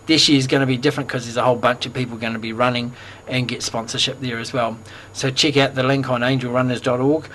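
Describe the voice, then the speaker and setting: A man's voice: mid-range voice, slight background noise. A man with a New Zealand accent hosting a casual community news bulletin, upbeat and chatty with fillers.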